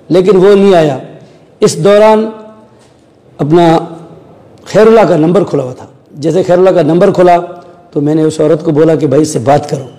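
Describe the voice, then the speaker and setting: A man's voice: sits high, mellow, in a large hall, low-quality recording. A man recounting events in a news interview, acting out the dialogue he quotes in a storytelling way.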